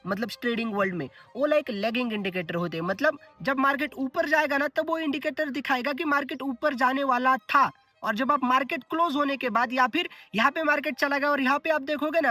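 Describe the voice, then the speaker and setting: Bright-voiced man chatting from a distance. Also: very high-pitched. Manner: chatty, asks and answers his own rhetorical questions; mixes English words into his speech. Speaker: trading vlogger. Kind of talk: casual vlog talk to camera. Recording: voice a bit distant from the mic, faint music.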